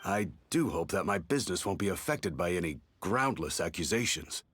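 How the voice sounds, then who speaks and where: An actor playing a nervous, shifty merchant in a game who stammers and gets defensive. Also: male voice, deep voice, animated, normal speed, a bit bright, no room sound. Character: nervous, shifty middle-aged male merchant.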